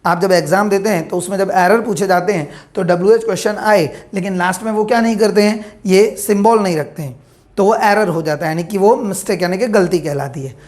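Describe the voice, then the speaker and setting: With a darkish tone at medium pitch, a woman works through grammar by slowly dictating example sentences. Her questions are rhetorical, since she answers each one herself.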